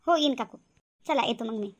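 Woman doing a polite young cartoon village woman, courteous, high, quick. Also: natural voice. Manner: polite, brief.

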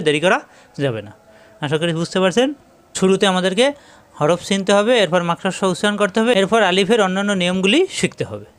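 A man teaching a Quran recitation lesson, explaining each rule step by step and repeating key points patiently while he demonstrates the sounds. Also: high voice.

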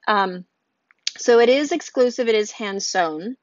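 Woman rambling thru an unboxing at home, reads stuff out loud, kinda dull dry audio. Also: a little high, lively intonation, a little slow, no echo. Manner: chatty, rambling, reads items aloud with asides. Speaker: unboxing vlogger. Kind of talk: casual unboxing chat. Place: room at home, storm outside.

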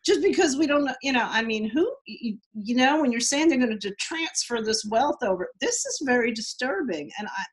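A woman's voice: a little high, expressive, a little fast, few pauses, slightly rough. A woman with a New York accent joining a casual webinar chat, rambling and full of fillers. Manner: chatty and rambling, with many fillers. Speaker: webinar participant.

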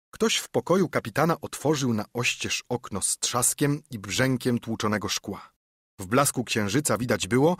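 A male audiobook narrator reads in a steady, measured way, his voice husky at a middle pitch. The sound is dry and close to the mic. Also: dry recording. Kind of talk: scripted narration.

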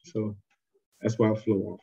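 A man's voice: fairly low pitch, completely flat delivery, normal speed, gravelly, warm tone, husky. An American man chatting casually on a video call with dull audio. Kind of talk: casual chat.

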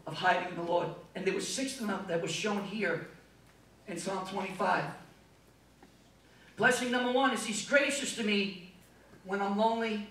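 A pastor preaching a sermon with emphatic delivery and playful asides. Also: male voice, sits high, normal speed, long pauses, pushed and bright. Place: church sanctuary. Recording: echoey church, mic far off.

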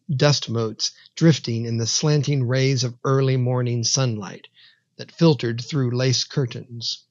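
Slow, measured male horror storyteller. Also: mid-range voice, a little mellow, no room sound, dull audio. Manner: slow, measured, dramatic delivery. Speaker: narrator. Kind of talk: scripted horror story narration.

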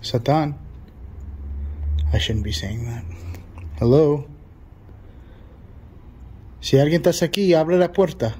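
Exploring a burned-out, abandoned building, a vlogger narrates in a hushed first-person voice, whispering and then shouting out into the darkness. He sounds fairly high-pitched, animated and slightly rough, going slowly and pausing often. The handheld camera mic picks up a lot of noise.

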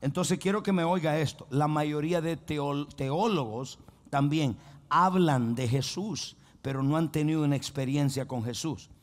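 Emphatic preacher man, somewhat high voice. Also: moderate pace. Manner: urges the congregation to repeat phrases and say amen; emphatic, with frequent restarts and repetition. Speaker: pastor. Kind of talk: sermon.

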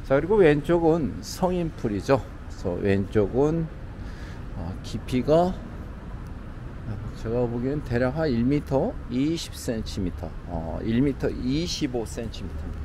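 Speaking at a measured pace with a mid-range voice and lively intonation, a male travel vlogger narrates an informal stroll past a city hotel's outdoor pool. He keeps dropping conversational fillers like "자" and "뭐." The sound is outdoor camera audio from a handheld mic, with city traffic humming behind him.

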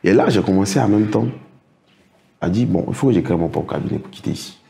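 Deep gravelly man. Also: quick pace, warm tone. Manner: recounts anecdotes, acts out others' words. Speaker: interview guest, project financing consultant. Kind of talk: storytelling in a casual interview.

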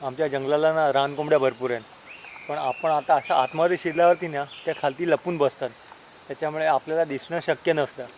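A man's voice: fairly high pitch, fairly even intonation, fairly quick, slight background noise, low-quality recording. A man with a Konkan Marathi accent vlogging casually outdoors, chatty and teasing as he shows things to his viewers. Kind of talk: casual village vlog narration. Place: outdoors in a village and forest. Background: insects and birds.

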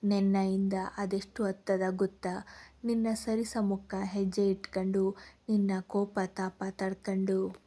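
A woman's voice: mid-range voice, flat delivery, slow, warm tone. Woman voicing an older village father scolding. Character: older village father, stern but caring.

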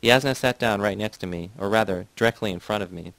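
A man reading a novel aloud in a steady, measured way. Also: lowish voice, no echo, rough recording. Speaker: audiobook reader.

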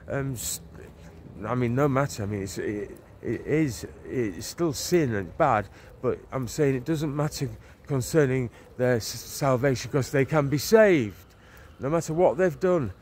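Holding his phone at arm's length, a forties-aged street preacher walks through a leafy town street and park, preaching in an unhurried, medium-pitched voice with a darkish tone and lively intonation. He's earnest but rambling, full of restarts and "you know". Passing cars and faint street sounds are audible.

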